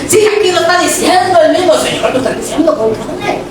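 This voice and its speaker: A woman preaching a lively sermon in a church hall, playful and dramatic, acting out everyday scenes and calling her listeners brother. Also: very high-pitched, a little fast, crowd noise. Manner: addresses the congregation directly as brother. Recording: echoey hall from far off.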